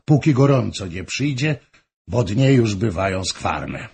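Man reading king, imperious, wilful, commanding, slow orders, husky, low voice, audiobook. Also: lively intonation, darkish tone, exaggerated voice. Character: imperious middle-aged king, restless and wilful.

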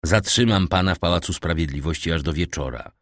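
A man's voice: low voice, a little fast, a bit bright, no room sound, clean studio sound. A man voicing a tense, commanding crown prosecutor in an audiobook, stern and secretive. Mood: persuasive. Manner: stern, secretive, barking orders then pleading.

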